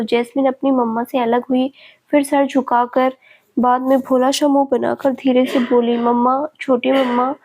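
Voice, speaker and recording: A woman storyteller giving a steady, scripted narration of a family story. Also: sits high.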